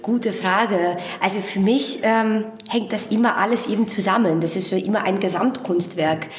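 A woman's voice: medium pitch, normal speed, roomy sound, a little hiss or hum. A woman author and theatre director answering interview questions in a thoughtful, hesitant way, with many fillers.

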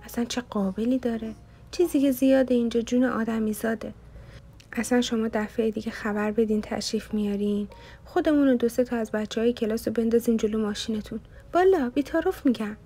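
A woman's voice: on the high side, dark tone, breathy edge. Woman voicing a joking young male student. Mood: teasing. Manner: mock-cursing, teasing banter.

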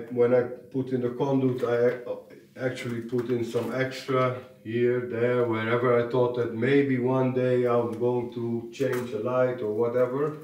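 A man renovating a farmhouse gives a casual project update vlog, talking slowly in a mid-range, darkish voice. He thinks aloud with fillers and restarts. The room is echoey and the mic sits at a distance.

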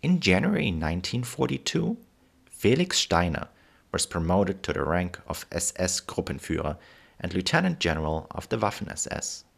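A husky man with a German accent narrates scripted history. His pitch moves in lively swings, and his w sounds come out as v. The voice sits on the low side. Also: normal speed. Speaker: history channel host.

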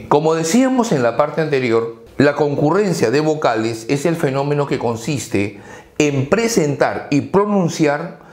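A man with a fairly high, somewhat dark voice gives an exam-prep language lecture for entrance tests. He drills examples and answers his own questions, and the room sounds echoey.

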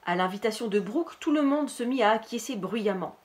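A woman reading a novel aloud in a calm, steady narrating voice. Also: on the high side, a little fast. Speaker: reader.

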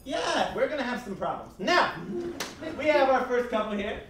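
A man hosting improv games on a comedy stage, talking loud, brash and campy. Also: very high voice, expressive, normal speed. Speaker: improv game host. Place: small club stage. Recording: echoey, distant, noisy live room.

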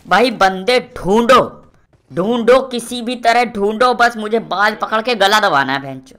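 A man's voice: high-pitched, a little slow. A young man giving live gameplay commentary, boastful and swearing at opponents while calling out to teammates. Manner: excitable, shouting out calls to teammates. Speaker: gaming streamer.

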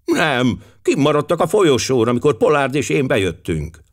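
A man's voice: medium pitch, big pitch swings, pitched above the performer's own voice. A man reading an audiobook voices an earnest male country doctor, eager and helpful.

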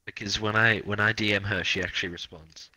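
A man's voice: lowish voice, steady tone, fairly quick, bright, forceful tone, rough recording. A teenage boy chatting casually over voice chat while gaming, rambling with lots of fillers.

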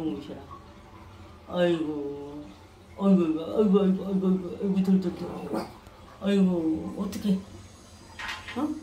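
A woman speaks slowly and softly to her cat at home, coaxing and teasing it with the same short questions over and over. Her voice rings in an echoey room with a faint hiss of noise behind it. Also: medium pitch. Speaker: pet owner. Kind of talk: casual talk to a pet cat.

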